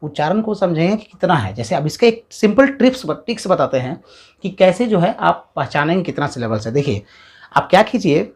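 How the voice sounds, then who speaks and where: A man teaching a grammar lesson step by step. He sounds out syllables slowly and keeps checking in with the class. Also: on the high side, big pitch swings, breathy edge. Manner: explains step by step, often checks in with "है ना" and "ठीक है". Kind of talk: classroom-style video lesson.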